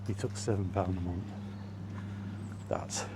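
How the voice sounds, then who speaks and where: A British vlogger's voice sits low, with a steady tone and slow pace, as he strolls in a park. He rambles casually, hesitating and grumbling mildly, and the background is noisy with outdoor sound.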